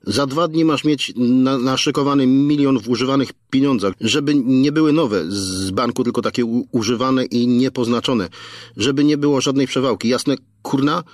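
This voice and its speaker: A man's voice: mid-range voice, moderate pace, no room sound, studio quality, pitched above the performer's own voice, close to an everyday voice. A man reading an audiobook, voicing a crude male kidnapper who stammers and mocks over the phone. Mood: threatening. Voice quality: stammering, slangy and mocking.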